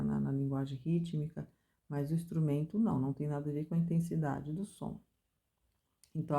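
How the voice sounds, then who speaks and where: Low, mellow-voiced woman teaching music. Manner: explains step by step, chants rhythm syllables with stress. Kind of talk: recorded music theory lesson.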